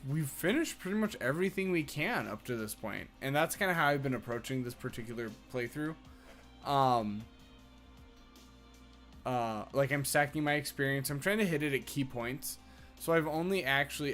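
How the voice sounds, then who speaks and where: Late at night, a game streamer offers casual commentary while playing a video game, his medium-pitched voice a bit bright. He rambles and frequently restarts his sentences.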